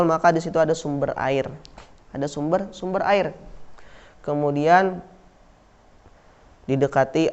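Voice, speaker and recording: In a dull lo-fi recording, a man with an Indonesian accent and a fairly high pitch teaches a class on Islamic history. He repeats key words, asks and answers his own questions, and often uses fillers like "nah."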